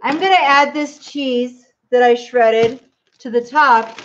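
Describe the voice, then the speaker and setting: A woman's voice: sits high, steady tone, slow pace, muffled recording, a little hiss or hum. A grandmother hosting a cooking livestream from her home kitchen, chatting casually and speaking straight to her viewers.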